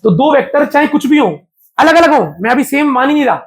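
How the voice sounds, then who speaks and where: A man's voice: very high voice, expressive, quick pace. A man teaching a physics class live to students, talking casually and often throwing questions at the class. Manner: chatty, keeps quizzing the class.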